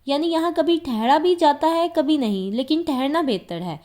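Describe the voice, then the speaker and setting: A woman's voice: sits high, animated, dark tone. A woman with a Pakistani Urdu accent giving an explanatory Quran lesson, patiently repeating each point in simpler words. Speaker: Quran teacher.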